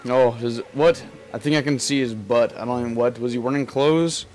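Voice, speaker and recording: Brief: young male let's player with a lisp, rambly, jokey, mid pitch. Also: brisk, a little mellow, faint music behind. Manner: rambling, joking, laughs at the game. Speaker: let's play commentator. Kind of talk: casual gameplay commentary.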